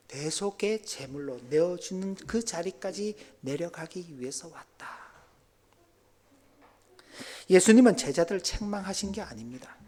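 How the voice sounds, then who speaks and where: A male pastor preaching a sermon, dropping to near-whispers and then rising to loud, exclaiming passages. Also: high-pitched.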